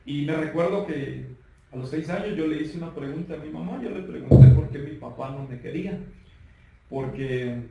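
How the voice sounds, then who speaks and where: A man turning forty with a Guatemalan Spanish accent, telling his life testimony in an earnest, measured way. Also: on the high side, dark tone. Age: 30s. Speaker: guest giving testimony. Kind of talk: personal testimony. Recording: roomy far-off mic with faint noise.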